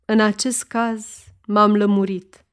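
A woman's voice: mid-range voice, level tone, clear, resonant tone, close to an everyday voice. A woman voicing a composed, dryly ironic aristocratic prince in an audiobook reading. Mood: calm, ironic. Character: calm, ironic aristocratic prince, adult man.

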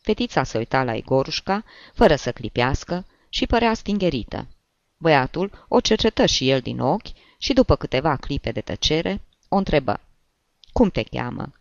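A man narrating an audiobook story with expressive storytelling. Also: fairly high pitch, gravelly, no room sound, muffled recording. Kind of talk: audiobook reading.

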